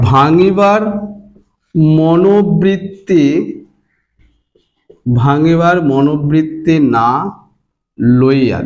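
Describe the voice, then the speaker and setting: A man's voice: high-pitched, darkish tone. A man with a Bengali accent teaching English grammar to students, explaining patiently, repeating himself and spelling words out letter by letter. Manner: stretches long words out slowly, syllable by syllable.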